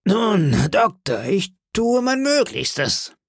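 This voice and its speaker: A man's voice: high-pitched, very animated, takes it slowly, gravelly, dry recording, clean studio sound, pitched above the performer's own voice, full character voice. A man voicing a wily old male pirate cook who talks in an ingratiating, bargaining way in an audiobook reading. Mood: wheedling.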